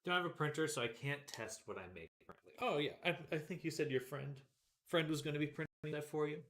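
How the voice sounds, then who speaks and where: A man casually chatting with viewers while he works on 3D models, relaxed and joking. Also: fairly high pitch, fast. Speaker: avatar artist streaming his work. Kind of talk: casual livestream chat.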